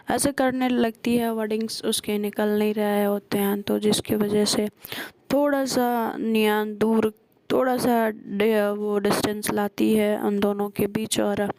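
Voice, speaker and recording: A woman's voice: medium pitch, creaky, darkish tone, dry recording. A woman casually retelling a romance story, quoting the characters' dialogue with many hesitations. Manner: retells scenes with quoted dialogue, frequent hesitations.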